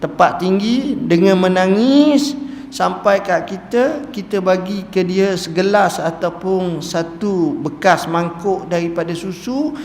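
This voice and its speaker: A man voicing a chatty rustic camel herder who speaks in an animated, raised voice. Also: fairly high pitch, fast, hardly any pauses, voice pushed up, lightly acted. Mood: eager. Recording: echoey hall, faint ambience.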